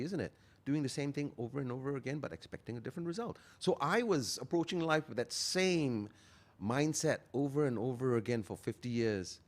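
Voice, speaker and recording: A man in his fifties speaks as an interview guest, with a lively, swinging pitch line. He talks earnestly and leans into key phrases, drawing them out for weight. His pitch sits in an ordinary middle register. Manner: earnest, emphatic, slows down to stress key phrases. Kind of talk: motivational interview talk.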